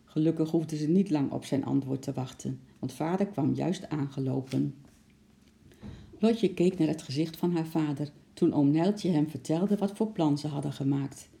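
A reader narrating a children's storybook aloud in a calm, even way. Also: medium pitch, normal speed, vocal fry.

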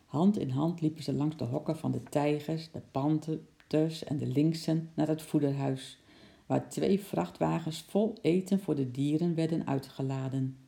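A reader calmly narrating a children's storybook in a gentle storytelling manner. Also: mid-range voice, measured pace, vocal fry.

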